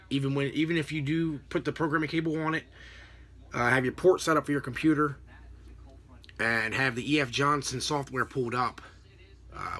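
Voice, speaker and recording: This American vlogger and radio scanner hobbyist has a bright, medium-pitched voice and talks in a halting, rambling way. He's casually explaining things to camera without a script from a small room at home with a desk, picked up by a computer webcam at desk distance.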